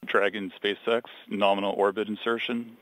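A man as launch controller, giving clipped, even procedural callouts over a tinny space radio loop. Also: lowish voice, normal speed, no echo. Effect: tinny space radio comm loop. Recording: narrow-band radio line.

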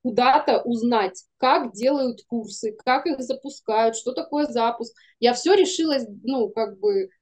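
Heard through a video call microphone from an indoor room, this animation studio producer in her forties speaks at a measured pace with few pauses. Her higher-pitched voice is mellow, and she is candid and self-deprecating, laughing as she chats in a casual interview.

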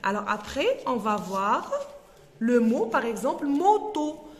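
A woman with Arabic as her native language hosts a reading tutorial for young children, hesitating with fillers and sounding out syllables slowly. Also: a little high, big pitch swings, in a large hall. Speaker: host and teacher.

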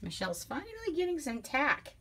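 A woman giving a casual walkthrough of her horse barn on a handheld phone, chatty and quick to laugh as she points things out. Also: high-pitched, huge pitch swings, gravelly, bright, forceful tone, a little hiss or hum. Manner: chatty, laughs often, lists items as she goes. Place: horse barn, paddock and tack room, in and out of doors. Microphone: handheld phone camera.

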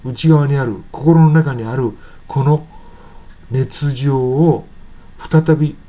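A man explaining the words of an English song in an unhurried, halting way, with many fillers and slow, careful reading of the English lines. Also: mid-range voice, mellow, muffled recording. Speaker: English teacher.

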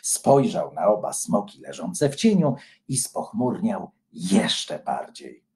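A man reading a children's story aloud in an expressive, animated storytelling style. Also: fairly low pitch. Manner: animated and unhurried.

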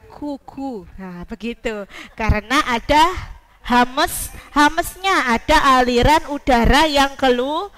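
A woman from Java, teaching Quranic letter pronunciation patiently and modeling each sound slowly. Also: high-pitched, fairly bright tone, low-quality recording. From East Java, Indonesia. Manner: slow, patient, drawn-out modeling of sounds, Javanese-tinged Indonesian.

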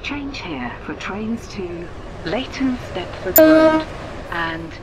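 A woman voicing an automated onboard train announcement, calm, measured and formal. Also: medium pitch, noisy background. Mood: announcing.

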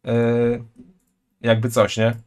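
A man in his twenties with a voice of middling pitch chats loosely on a live stream, tossing out slangy jokes while he reacts to a video. He talks into a headset in a small room at home. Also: monotone, takes it slowly. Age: 20s. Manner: joking, chatty, loose slangy asides. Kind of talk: casual live-stream commentary.

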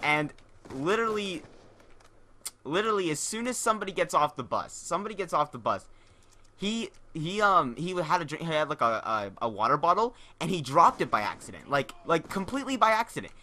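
Bright-voiced young man telling a rambling story. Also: fairly high pitch, very animated, brisk, slight background noise. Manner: rambling, profane, repeats and restarts words. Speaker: gaming channel host. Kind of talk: casual storytelling commentary.

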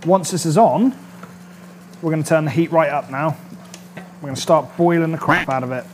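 Frying and sizzling fill the background as a chef in his thirties hosts a relaxed studio-kitchen demonstration, chatty and upbeat, often checking with viewers via "all right?" His voice is on the high side at normal speed. A little hiss or hum is present.

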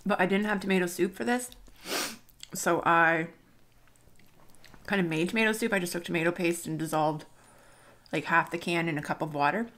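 A woman's voice: on the low side, fairly even intonation, normal speed, pauses often, fairly bright tone. Chatty woman eating on camera. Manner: chatty, rambling, laughs often. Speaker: mukbang vlogger. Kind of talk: casual chat while eating. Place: home dining room.

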